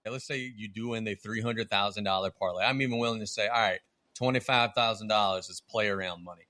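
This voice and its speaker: A man hosting a laid-back podcast, telling stories with quick asides. His voice is bright and forceful. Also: on the low side. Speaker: podcast host. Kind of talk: casual chat.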